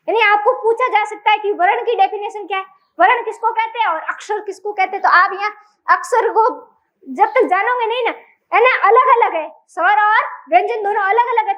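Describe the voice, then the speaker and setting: A woman's voice: very high voice, highs cut off. A woman teacher with a Rajasthani Hindi accent, giving a classroom lecture and quizzing her class with question after question.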